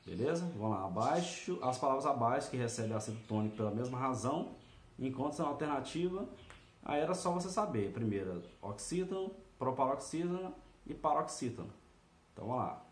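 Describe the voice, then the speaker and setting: A male exam-prep tutor talks through practice questions in a relaxed, conversational way, often checking in with tag questions. His voice sits at a middle pitch, and the recording carries the noticeable echo of a bare room. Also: fairly quick, slight background noise. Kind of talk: casual video lesson walking through a practice test. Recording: echoey room.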